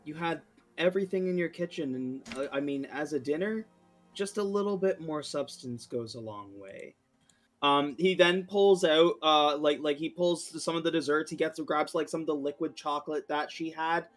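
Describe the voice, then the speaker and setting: A man's voice: fairly high pitch, moderate pace, soft background music. A man playing a tabletop game, describing his character's actions in a rambling way full of fillers. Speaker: player. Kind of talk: tabletop role-play narration.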